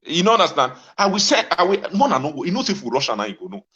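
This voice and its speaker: This talk show host, a man with a Nigerian accent, rants passionately and informally to his audience in Pidgin, exclaiming and insistently repeating phrases. His voice is fairly high, bright and forceful, very animated, and he talks fast. The recording sounds dull and lo-fi.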